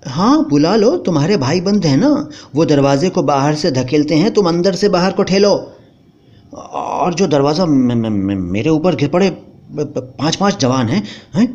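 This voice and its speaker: A man's voice: a little high, expressive, normal speed, voice pushed up, lightly acted. Man voicing a defiant stubborn young wife. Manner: bold, sharp, unyielding. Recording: dull lo-fi recording.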